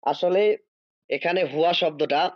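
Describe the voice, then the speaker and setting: A man's voice: on the high side, steady tone, no room sound, muffled recording. A man teaching an online Arabic grammar class, explaining step by step, drawing out each Arabic word as he reads it, and checking whether students follow. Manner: drawn-out reading of Arabic words.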